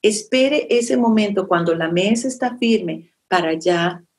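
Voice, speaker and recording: Animated Costa Rican woman speaker. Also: mid-range voice, a little slow. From Costa Rica. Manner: animated, acts out quoted voices, addresses listeners directly. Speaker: motivational speaker. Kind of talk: inspirational talk with faith themes.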